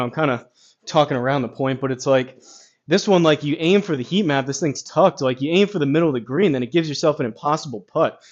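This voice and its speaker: A man giving casual golf simulator commentary, rambling as he thinks out loud. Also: mid-range voice, highs cut off.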